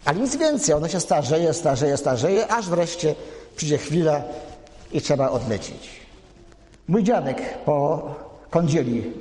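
Preacher telling stories in an echoing hall. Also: male voice, on the high side, warm tone. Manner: conversational, anecdotal, addresses the congregation directly. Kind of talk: storytelling sermon. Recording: echoey hall reverb.

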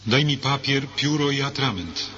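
A man's voice: mid-range voice, expressive, normal speed, pitched above the performer's own voice. Man reading as a defiant young prisoner. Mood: shocked. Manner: shouting, defiant. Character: young male condemned prisoner, angry and stubborn. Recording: dull lo-fi with faint hiss.

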